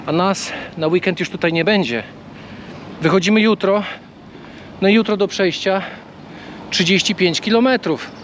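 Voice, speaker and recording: A man's voice: high voice, moderate pace, pauses often, fairly bright tone, a little hiss or hum. A young man casually vlogging a pilgrimage walk, chatting and joking with viewers as he wanders outdoors and through a small church. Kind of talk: casual vlog talk to camera.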